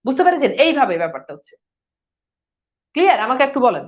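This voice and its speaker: A woman teaches a live online class in a high, quick voice. She asks her students questions, answers them herself, and goes over the key points again. The sound is dull and lo-fi. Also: big pitch swings.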